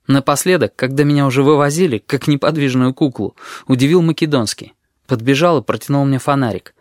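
A man's voice: mid-range voice, brisk, dry recording. Dry, close male audiobook narrator. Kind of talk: first-person audiobook narration.

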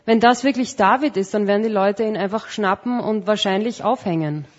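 Female interpreter, steady mid voice, relays each phrase, muffled church recording. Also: mid-range voice, fairly quick. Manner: plain, follows each phrase, some searching for words. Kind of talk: live sermon interpretation.

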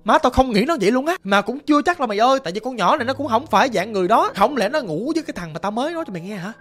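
A man voicing the protagonist's young male friend, who talks rapidly and bluntly in a Southern Vietnamese accent. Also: very high-pitched, expressive, fairly bright tone, faint music behind.

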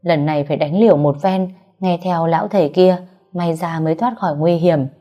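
A woman's voice: on the low side, brisk, dull audio, soft background music, close to an everyday voice. A woman voicing a worried middle-aged father who talks firmly and reassuringly to his wife. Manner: firm, reassuring. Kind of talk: audiobook character reading.

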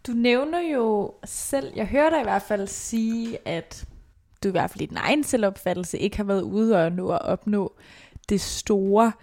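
A woman hosting a podcast interview, asking calm, guiding questions. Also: mid-range voice, dry recording.

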